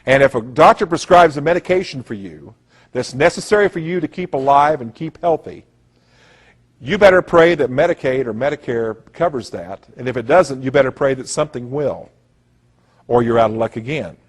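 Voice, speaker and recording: A man's voice: medium pitch, animated, moderate pace, breathy edge. A man giving an emphatic lecture, repeating himself for effect and acting out the voices in his anecdotes. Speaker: speaker giving a talk. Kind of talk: conspiracy lecture.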